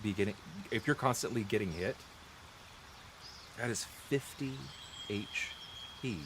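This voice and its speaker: This gravelly, fairly low-voiced man coughs from a dry throat as he explains game mechanics during play, with background noise behind him. His delivery is talkative and wandering, full of restarts, self-corrections and spoken-aloud thoughts. He's recording on a close desk mic.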